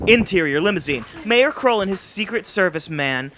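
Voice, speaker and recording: A man narrating stage directions in a live script read-through, reading briskly with small slips. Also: high-pitched, expressive, a bit bright, a little hiss or hum.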